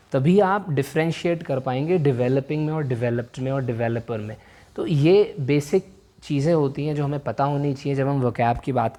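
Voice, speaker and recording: A man's voice: a little high, a little mellow. A man gives a vocabulary lesson on video, moving between Hindi and English as he talks. He restates each definition in several ways and keeps checking in with the viewer. He writes words out as he explains them. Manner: mixes Hindi and English, often checks in with "right?"; repeats and rephrases each meaning several times. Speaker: vocabulary teacher.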